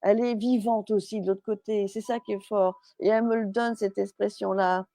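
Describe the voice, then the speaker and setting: A woman's voice: medium pitch, fairly even intonation, moderate pace, warm tone, no echo, studio quality. A woman medium on a live stream, chatty and hesitant, with many fillers and restarts, relaying messages as quoted speech.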